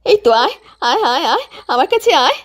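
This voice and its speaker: A woman's voice: extremely high pitch, big pitch swings, fast talker. A woman playing a doting, distraught mother in a cartoon ghost story, coaxing and plaintive. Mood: tender, worried. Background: background music.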